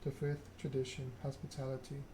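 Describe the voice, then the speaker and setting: In a noisy ambient recording, a male game streamer and host reads softly and chats in ASMR style. He keeps a flat, mid-pitched voice and speaks with measured hesitation.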